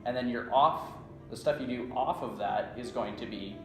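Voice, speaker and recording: In an interview at a conference, a strength coach with a Canadian accent, from small-town Saskatchewan, talks at a moderate pace in a medium pitch. He keeps things conversational, checking in with "right?" as he explains. The indoor recording has a roomy echo, faint ambience and faint music behind.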